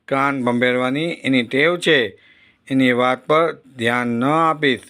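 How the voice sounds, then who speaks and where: A man's voice: mid-range voice, fairly bright tone, clear, resonant tone, close to an everyday voice. A man reading the lines of a protective older mother-in-law in a scolding, reassuring tone, close to his own voice.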